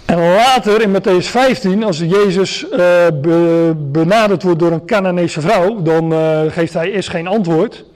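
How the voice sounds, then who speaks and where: High-voiced man giving a hesitant sermon. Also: unhurried, hardly any pauses, darkish tone. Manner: explanatory, many hesitations and restarts. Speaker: preacher.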